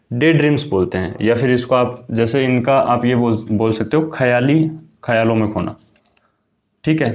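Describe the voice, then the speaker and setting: A man's voice: mid-range voice, a little mellow. A young man talks students through a vocabulary lesson for defence exams. He keeps it casual and chatty, often calling them brother and checking in with "okay" as he goes. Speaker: vocabulary teacher. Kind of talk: casual online exam-prep lesson.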